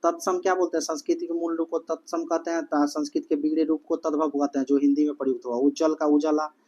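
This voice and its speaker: A man teaching an exam-prep Hindi grammar lesson, repeating letters and answers slowly for students. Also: on the high side, little pitch movement, warm tone. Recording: dull lo-fi audio.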